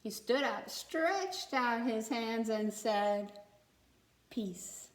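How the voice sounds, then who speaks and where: Reading a kids' story in an animated, higher-pitched voice, a woman brings plenty of expression and breaks off to ask her young audience questions. The space she's in is echoey.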